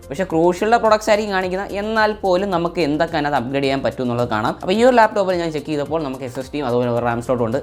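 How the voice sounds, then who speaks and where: Very fast-talking man, casual. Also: a little high. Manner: informal, chatty. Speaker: tech vlogger. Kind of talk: casual tutorial narration. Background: background music.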